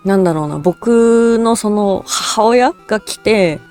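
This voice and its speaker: A woman telling a true story as a virtual cat-spirit storyteller, in a relaxed, rambling way with frequent chuckles and fillers. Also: mid-range voice, unhurried, faint music behind. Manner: rambling, casual, chuckles often, many fillers.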